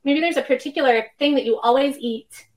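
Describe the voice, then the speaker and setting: A woman in her fifties, a worship professor, appears as a guest on a conversational podcast interview. Her voice sits high and a little mellow, and she talks fairly quickly, reflectively explaining ideas through personal anecdotes. The recording quality is low.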